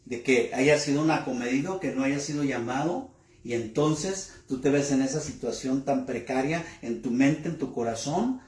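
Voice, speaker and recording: A male pastor delivering a sermon, speaking deliberately, asking rhetorical questions and repeating key words for emphasis. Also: medium pitch, a little mellow, echoey room. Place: church.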